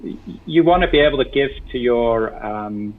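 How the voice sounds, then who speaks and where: A man from England with a softened Birmingham accent, a guest explaining things in casual chat on a video call, hesitant with many ums and restarts. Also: medium pitch, animated, normal speed. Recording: tinny phone-like line.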